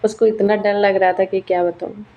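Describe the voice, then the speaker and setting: A woman's voice: mid-range voice, level tone, moderate pace, dull audio. A young woman vlogger and mother, narrating casually in a chatty storytelling way. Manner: chatty, storytelling, laughs often.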